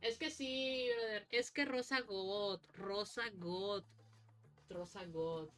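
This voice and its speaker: A woman with a Mexican accent gives casual game commentary as a streamer, excitable and full of slang. She rambles and restarts, and her voice swings high whenever something excites her. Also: slow pace, faint music behind.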